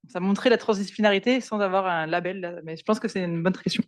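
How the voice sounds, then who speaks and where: A woman's voice: mid-range voice, quick pace, dry recording, studio quality. A woman academic making a spontaneous follow-up comment at a conference.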